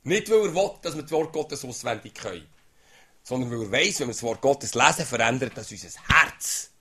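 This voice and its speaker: A man's voice: mid-range voice, animated, fairly quick, bright, forceful tone, husky. A man gives an informal sermon to a small group, talking in a conversational way and often asking "oder?". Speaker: lay preacher.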